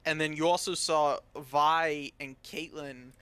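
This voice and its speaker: A man's voice: a little high, steady tone, slow pace, crowd noise. A man co-hosting a casual reaction chat, easygoing and agreeable. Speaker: podcast co-host.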